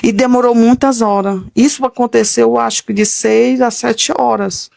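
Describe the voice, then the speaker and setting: A woman's voice: on the high side, fairly even intonation, normal speed, creaky, a little mellow, no echo. A middle-aged woman, telling an earnest, vivid spiritual testimony with many repetitions. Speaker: guest giving testimony. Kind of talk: emotional testimony in conversation.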